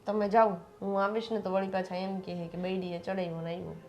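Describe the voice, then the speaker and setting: A woman's voice: mid-range voice, flat delivery, darkish tone, lo-fi sound, close to an everyday voice. A woman playing a young wife who complains about her mother-in-law in a family drama. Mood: complaining. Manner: complaining, rapid-fire.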